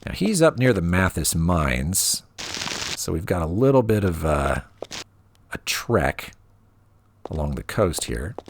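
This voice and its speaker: A man with a very low voice talks through his gameplay in an unhurried, wry way. His pitch swings widely as he reacts, and steady rain noise sits clearly behind him. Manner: relaxed, wry, thinking aloud. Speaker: let's play host. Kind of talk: casual gameplay commentary.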